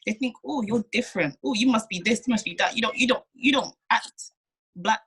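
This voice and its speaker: A woman's voice: on the high side, fairly quick, fairly bright tone, slightly rough. A woman co-hosting a casual chat, talking emphatically and repeating words as she builds up her point. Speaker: co-host.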